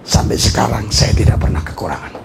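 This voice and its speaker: A middle-aged man from Indonesia, a pastor preaching a lively sermon, laughing often and shouting at times. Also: lowish voice, a little fast, gravelly, crowd noise.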